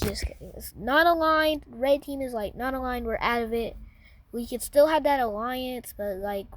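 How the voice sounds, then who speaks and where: A woman's voice: on the high side, a little mellow, rough recording. A woman giving casual, rambling commentary over a map animation, full of fillers and slang, joking as she goes. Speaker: mapping channel narrator.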